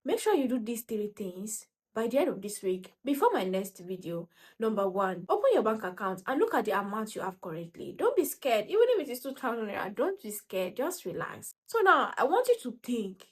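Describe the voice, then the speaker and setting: A woman's voice: a little high, big pitch swings, a little fast. A woman gives casual, motivational finance talk to camera. She speaks emphatically and repeats her points. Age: 20s. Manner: emphatic, repeats points, acts out quoted voices. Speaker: personal finance vlogger.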